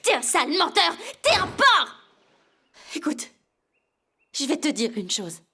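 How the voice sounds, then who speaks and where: An actress dubbing a hot-tempered, scheming young woman in a telenovela, sharp and accusing. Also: mid-range voice, animated, normal speed, breathy edge. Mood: threatening. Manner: sharp, accusing, bursts into shouting. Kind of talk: dubbed telenovela acting.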